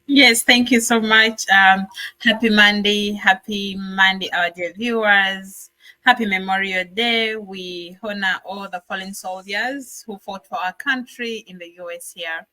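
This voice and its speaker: Bright-voiced woman guest. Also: medium pitch, steady tone, unhurried, rough recording. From Uganda. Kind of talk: live online talk show.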